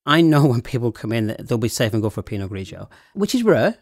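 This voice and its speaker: A man's voice: medium pitch, big pitch swings, quick pace, dry recording, studio quality. A man explaining wine with enthusiasm in a casual panel chat. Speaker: wine expert guest.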